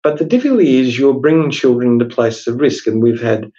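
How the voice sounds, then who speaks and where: Male podcast co-host, mid pitch, emphatic explainer, slightly muffled lo-fi sound. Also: lively intonation, brisk, warm tone. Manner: chatty, emphatic, explains with rhetorical questions. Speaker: podcast co-host, workplace lawyer. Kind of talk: casual legal discussion podcast.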